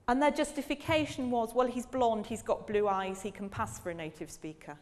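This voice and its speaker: The speaker is a woman professor lecturing the public on language teaching, pausing to question her audience. Her slightly high voice is a little mellow and moves at a moderate pace, echoing with the long reverb of the lecture hall.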